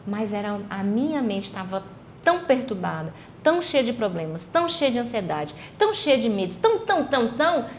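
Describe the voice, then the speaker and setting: A woman's voice: on the high side, sing-song, brisk, a little hiss or hum. A woman with a Brazilian Portuguese accent, a podcast guest sharing a personal faith testimony in an earnest, reflective way.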